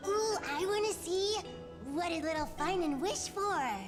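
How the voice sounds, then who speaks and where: A woman's voice: very high-pitched, a little slow, music in the background. A woman voicing an eager little village child in a video game.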